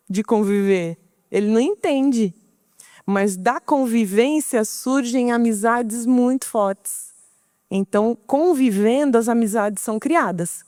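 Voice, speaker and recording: A woman's voice: fairly high pitch, dry recording, studio quality. Brazilian woman giving a patient talk. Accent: Brazilian Portuguese. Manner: warm, patient, explains with questions and answers. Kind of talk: informal talk with slides.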